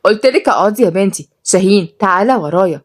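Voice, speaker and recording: A woman's voice: mid-range voice, expressive, quick pace, close to an everyday voice. A woman doing a coaxing older Egyptian mother. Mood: motherly. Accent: Egyptian Arabic.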